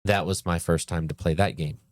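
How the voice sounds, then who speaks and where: Man, very low voice, slow deliberate talk, casual game chat. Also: fairly even intonation. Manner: slow, deliberate, restarts his points. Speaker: co-host. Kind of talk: casual chat about games.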